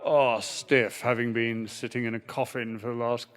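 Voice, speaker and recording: A man's voice: medium pitch, little pitch movement, normal speed, lightly acted. A man playing an old-fashioned Victorian ghost on a comedy podcast, talking in a dry, bemused way. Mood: amused. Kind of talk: comic podcast role-play.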